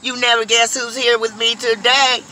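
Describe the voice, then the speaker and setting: A middle-aged food vlogger eats in her car and chats animatedly to viewers in a casual eating vlog filmed on a dashboard phone camera. Her voice is a little high, pushed and bright, with flat delivery at a normal speed, and the audio quality is poor.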